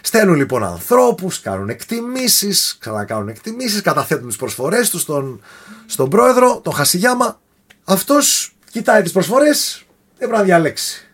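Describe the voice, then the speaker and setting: A man telling a story in a casual podcast chat, animated and often tripping over foreign names. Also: high-pitched, breathy edge.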